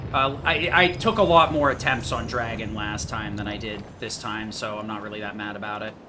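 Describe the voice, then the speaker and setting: A man's voice: fairly low pitch, fairly even intonation, a little fast. A man giving casual, rambling, matter-of-fact commentary on his own speedrun, picking at his own mistakes. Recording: clearly noisy home gaming recording.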